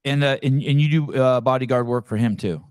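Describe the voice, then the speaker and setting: A man's voice: medium pitch, fairly quick, clear, resonant tone, dry recording, clean studio sound. A man from California hosting a casual podcast interview, joking and rambling, often stumbling and restarting his sentences. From Santa Cruz, California. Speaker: podcast host.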